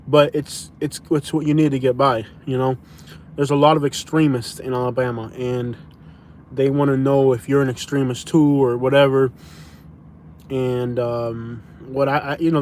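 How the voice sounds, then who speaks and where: A young man from Florida answers viewer questions casually on a live stream, speaking at medium pitch against slight background noise. He rambles, repeats himself, restarts sentences, and keeps calling people "bro".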